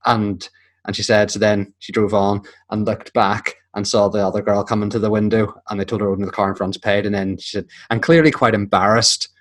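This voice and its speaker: A man's voice: fairly low pitch, flat delivery, brisk. A man, co-hosting a podcast in casual chat, swearing freely and acting out the voices of people in his stories. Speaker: podcast co-host.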